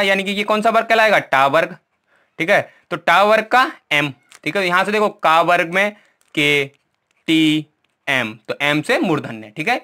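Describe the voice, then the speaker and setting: A man's voice: sits high, sharp tone. A man teaching Hindi grammar for exams, who asks questions and answers them himself and keeps checking in with the class. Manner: points at a board, with memory tricks. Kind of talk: exam-prep lesson.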